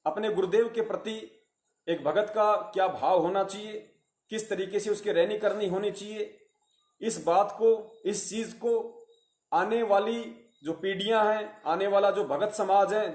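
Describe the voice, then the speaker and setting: A man's voice: high-pitched, a little mellow. Guy preaching a devotional sermon, earnest, keeps repeating himself, echoey. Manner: earnest, repetitive, addresses listeners as virtuous souls.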